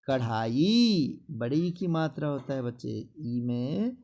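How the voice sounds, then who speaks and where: Man, teacher, Bihari Hindi accent, slow delivery, mellow tone, classroom spelling drill. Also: medium pitch, gravelly. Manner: slow, repetitive, drilling words with students.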